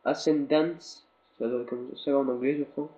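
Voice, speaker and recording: A man's voice: medium pitch, little pitch movement, warm tone. Slightly sick man rambling over gameplay. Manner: rambling, halting, talks to viewers while playing. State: a little sick. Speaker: gaming video commentator. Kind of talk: casual gameplay commentary. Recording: tinny, lo-fi, echoey capture with faint game ambience.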